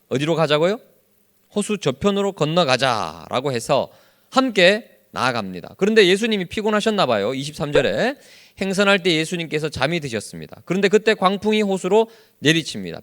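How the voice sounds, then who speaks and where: A male pastor teaches a Bible study sermon and keeps firing questions at the congregation. His voice sits a little high and leaps up and down with lively expression. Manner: constantly quizzes the congregation with questions; acts out quoted speech in lively voices.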